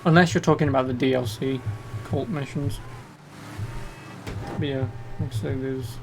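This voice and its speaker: A man's voice: mid-range voice, steady tone, normal speed, vocal fry, a little hiss or hum. A man giving casual, musing gameplay commentary as a streamer, in an off-hand way. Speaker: game streamer. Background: game music.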